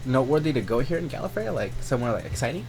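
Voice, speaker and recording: Eager, animated male gamer. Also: medium pitch, rapid-fire, creaky, faint music behind, poor audio. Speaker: player. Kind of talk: casual tabletop role-play.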